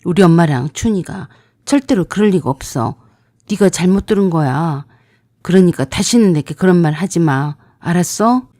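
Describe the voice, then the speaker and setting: A woman voicing a defensive young man who brushes off his fiancée, speaking lower and slower in a dry recording. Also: lively intonation, dark tone, dry recording. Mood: irritated. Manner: lower, slower, irritated insistence.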